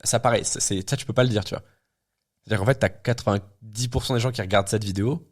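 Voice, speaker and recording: Blunt, low-voiced young man. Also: fairly even intonation, fast talker. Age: 20s. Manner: blunt, talks things through with many fillers and restarts. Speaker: guest entrepreneur. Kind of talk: casual podcast chat.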